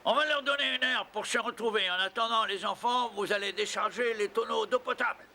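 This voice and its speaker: A man voicing a brisk ship's captain who gives orders to his crew in a cartoon dub. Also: high-pitched, bright, forceful tone, slight background noise, heavily acted. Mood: commanding. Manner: commanding, brisk. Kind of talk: cartoon dubbing.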